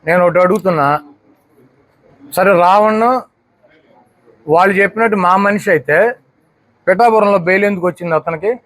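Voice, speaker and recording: A man with a high-pitched voice delivers a combative statement to the press. He drives his points with rapid rhetorical questions, and the recording is dry and close. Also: fairly bright tone, no echo. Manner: rhetorical, fires repeated questions. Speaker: politician speaking to the press.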